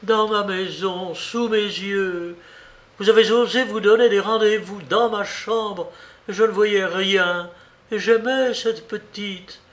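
A man's voice: sits high, fairly even intonation, slow pace, fairly bright tone, voice pushed up. A man reading a storybook who voices a wounded, betrayed mistress of the house, accusing and reproachful. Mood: bitter reproach.

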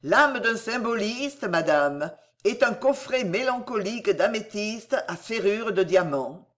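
A woman's voice: mid-range voice, animated, a little slow, close to an everyday voice. A woman reading a story and voicing a teasing, touchy young man with sarcastic, mock-weary speech. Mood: mock-weary irritated.

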